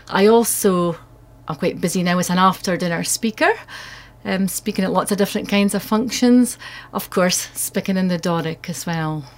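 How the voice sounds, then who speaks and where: A woman with a North East Scottish accent speaks as an interviewed author. Her voice sits on the low side and moves very little in pitch. She answers at length about her own work. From North East Scotland.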